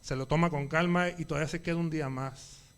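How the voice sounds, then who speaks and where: A man's voice: fairly high pitch, fairly even intonation, fast talker, fairly bright tone, clean tone. A man preaching a Sunday sermon in a conversational way, often checking in with the congregation and rising in volume at emphatic points.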